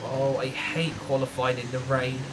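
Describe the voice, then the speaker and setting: A man's voice: mid-range voice, completely flat delivery, moderate pace, over loud music. A man hosting a gaming channel, giving casual gameplay commentary while grumbling and swearing in frustration at home.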